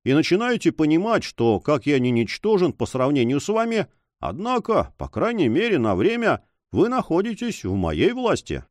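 A man's voice: on the high side, huge pitch swings, moderate pace, a little mellow, dry recording, voice pushed up. A man voicing a mocking, cool-headed sailor who talks in a sly, taunting, emphatic way in an audiobook. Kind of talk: audiobook character voice.

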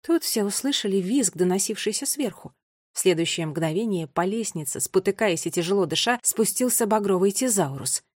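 A woman narrating a children's fantasy story in a lively, dramatic reading. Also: mid-range voice, moderate pace, husky, no echo, clean studio sound. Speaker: audiobook reader. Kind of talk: scripted narration.

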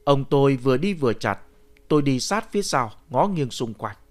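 A man narrating a ghost story in the first person, telling it with animated, expressive delivery. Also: mid-range voice, normal speed. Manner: animated storytelling, shouting the boy's cries.

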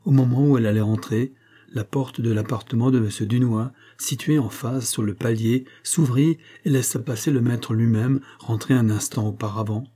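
An audiobook narrator, a man with a mid-range voice, reads a novel aloud in scripted narration. His storytelling is measured and even.

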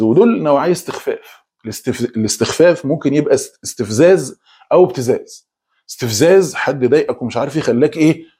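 A man preaching with an Egyptian Arabic accent, talking quickly with frequent restarts and repeated words. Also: mid-range voice, dark tone, slightly rough. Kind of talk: religious talk.

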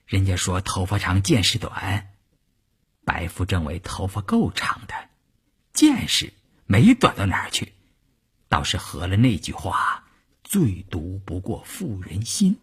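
A male storyteller voicing a blunt, hot-headed male faction commander who gets flustered and excitable. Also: unhurried, slightly rough, exaggerated voice. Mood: agitated. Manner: flustered, excitable, cries out high. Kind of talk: traditional storytelling.

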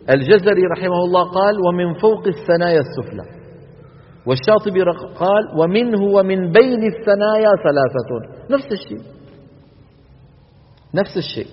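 A man's voice: high voice, animated, fairly quick, pauses often, slightly rough. A man teaching Quran recitation in a lecture, demonstrating letter sounds and asking students to repeat them. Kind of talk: classroom lecture on articulation. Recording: dull recording with long hall reverb.

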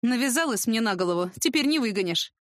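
A man's voice: very high-pitched, lively intonation, fast talker, fairly bright tone, no room sound, studio quality. A woman reading a cocky young man who mocks and teases in a lazy drawl, in a storybook voice. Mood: mocking. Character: cocky young man, smug teasing charmer.

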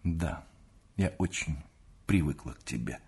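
A man's voice: medium pitch, sing-song, moderate pace, warm tone, breathy edge, voice pushed up. A man reading aloud, voicing a cool and detached married woman, the young man's aunt.

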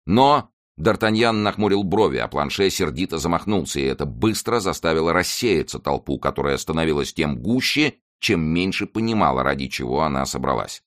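Deep-voiced male audiobook narrator. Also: lively intonation, a little fast, few pauses, a bit bright, no echo, studio quality. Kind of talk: scripted narration.

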